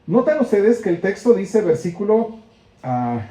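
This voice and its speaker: A man's voice: high voice, big pitch swings, measured pace, mellow. A man with a Mexican accent preaching a sermon in a church, earnest and full of rhetorical questions, acting out heartfelt prayers. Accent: Mexican Spanish. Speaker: pastor. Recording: echoey church room.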